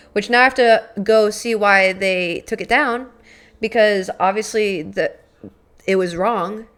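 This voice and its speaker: Chatting and rambling to her live-stream audience, a young woman speaks in a raspy, mid-range voice that's a bit bright. Her talk is full of fillers and swearing, over faint background music.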